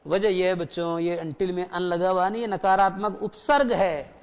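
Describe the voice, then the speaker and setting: A man's voice: high-pitched, steady tone, normal speed, smooth, big-room sound, lo-fi sound. A male teacher giving a grammar lesson in a mix of Hindi and English, repeating key words and asking the class questions.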